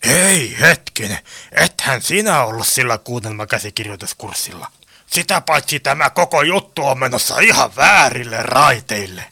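A man's voice: mid-range voice, lively intonation, creaky, bright, forceful tone, slightly rough, pitched below the performer's own voice, full character voice. A man playing a blunt small-time crook in an amateur radio play, grumbling in a dry way.

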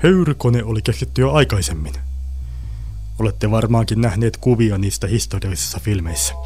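A man narrating a science fiction story in a calm, even storytelling manner. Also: lowish voice, faint music behind.

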